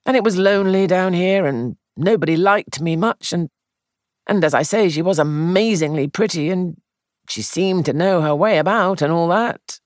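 Reader voicing nervous young man, high tremulous pleading, dry close sound. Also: normal speed, dry recording, lightly acted. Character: distraught young man suspected of murder. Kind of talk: audiobook character voice.

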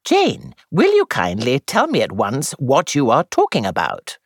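A woman reading aloud and voicing a practical middle-aged hostess who talks in a brisk, blunt way. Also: rumbling low, wildly swooping pitch, no room sound, studio quality, full character voice. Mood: exasperated.

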